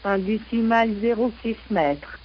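A woman reading navigation warnings in a measured, even announcer delivery over a VHF marine radio broadcast. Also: a little high, muffled recording, slight background noise.

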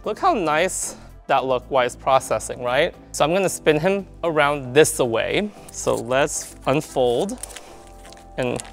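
A man's voice: fairly high pitch, expressive, measured pace, vocal fry, soft background music. A man giving a hair-color tutorial in a salon, chatty and instructive, often checking in with his viewers. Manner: chatty, checks in with "right?" and "you guys".

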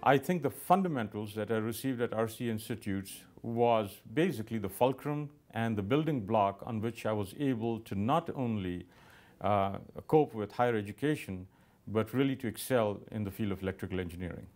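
A man's voice: fairly low pitch, normal speed, darkish tone. A man, an engineering graduate, giving an earnest interview testimonial.

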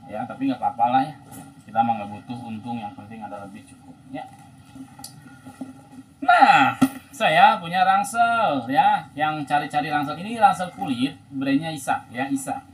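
Casting: male market-hawker type, thirties, Sundanese accent, mid-pitched, chatty live seller, some background noise on a phone. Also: fast talker, darkish tone. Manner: chatty market-hawker patter with repeated tags and catchphrases. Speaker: second-hand bag seller. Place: indoors in a room piled with bags. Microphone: phone propped at about arm's length or further. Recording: noisy room, phone recording.

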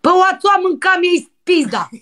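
A woman putting on a brazen, lustful young dancer in a prank phone call, pushy and breathy. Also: very high-pitched, lively intonation, bright, forceful tone, exaggerated voice. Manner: pushy and breathy, with crude demands. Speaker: prank caller.

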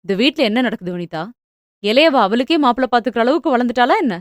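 A woman voicing a stern, worn-out middle-aged father who speaks low and heavily in an audio novel. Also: animated, fast talker, dry recording, studio quality, natural voice. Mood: stern dismay. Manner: low, heavy, muttering.

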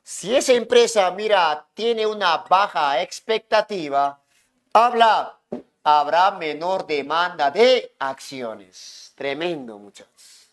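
Man, classroom lecture, high-pitched, repetitive, hushes students. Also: animated, slow pace. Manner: keeps hushing and calling on students, repetitive. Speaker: economics teacher.

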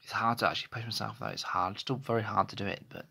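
Fast-talking and steady in tone, this man in his thirties records a candid personal vlog on a phone close to his face in a small bedroom. His lowish voice is creaky and sharp with a breathy edge, and his monologue is hesitant and rambling, full of restarts.

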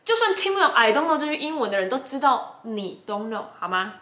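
Woman, Taiwanese Mandarin accent, rather high and bright voice, chatty and encouraging, roomy echo. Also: sing-song, brisk, a little hiss or hum. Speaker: YouTuber and English-language host. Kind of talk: casual talk to camera.

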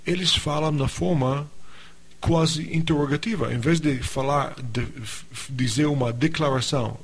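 A man's voice: medium pitch, slightly rough. A man explaining a teaching point, often restarting his phrases as he goes. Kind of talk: instructional talk.

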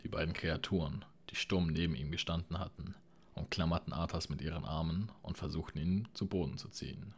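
Man with a very deep narrating voice. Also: a little fast, husky. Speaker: audiobook narrator. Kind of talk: scripted audiobook narration.

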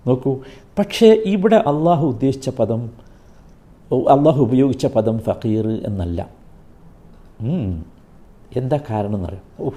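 A man teaching a Quran commentary class, keeps asking his listeners rhetorical questions and recites Arabic slowly and carefully. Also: medium pitch, mellow.

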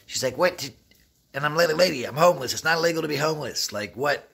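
Here the same kind of casual storytelling vlog comes from a rough-voiced man in his thirties whose pitch is fairly high and who talks fast. He rambles animatedly through streetwise tales with quoted dialogue, addressing the camera from inside an open, run-down wooden shack, filmed by a phone or camera at arm's length.

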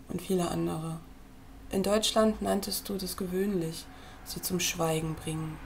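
A woman reading a book aloud at a computer, in a measured, earnest way, as if speaking straight to the listener. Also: lowish voice, creaky, darkish tone, a little hiss or hum. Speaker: reader.

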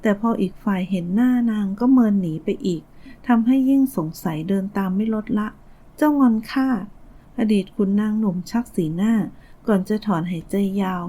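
A woman narrating a novel audiobook in a steady storytelling manner. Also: medium pitch, a little fast, poor audio. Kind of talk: scripted narration.

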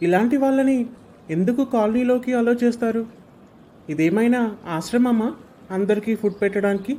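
A man's voice: very high voice, moderate pace, mellow, a little hiss or hum. A young man playing a spoiled, selfish rich son who talks back rudely and dismissively, in an amateur short drama. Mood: contemptuous. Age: young adult. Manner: dismissive, rude, whiny.

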